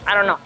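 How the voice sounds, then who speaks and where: A young woman powerlifter chatting casually in a gym, rambling with lots of filler words, on a lapel mic. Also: fairly high pitch. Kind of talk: casual vlog chat. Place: indoor gym. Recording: background music under the voice.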